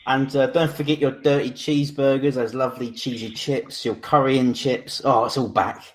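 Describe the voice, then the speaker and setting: A man's voice: medium pitch, steady tone, moderate pace. A man on a podcast panel, teasing and joking with the others in casual banter.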